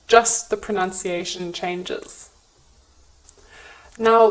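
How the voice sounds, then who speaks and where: A woman with a British accent teaching English pronunciation in a careful, clearly enunciated scripted lesson. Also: medium pitch, poor audio.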